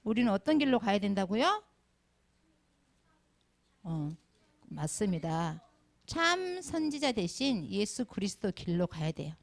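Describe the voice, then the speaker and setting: Lively woman preaching to children. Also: medium pitch, unhurried, gravelly, pauses often. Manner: asks the children constant questions, animated. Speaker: Sunday school preacher. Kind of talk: children's sermon.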